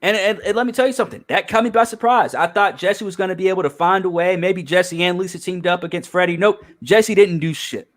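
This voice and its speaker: A man with a slightly higher voice than most men chats through a movie review. He rambles and restarts his sentences, leaning hard on his points and swearing freely. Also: brisk, hardly any pauses, a bit bright. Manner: rambling, emphatic, profane, many restarts. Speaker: podcast host. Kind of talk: casual film review chat.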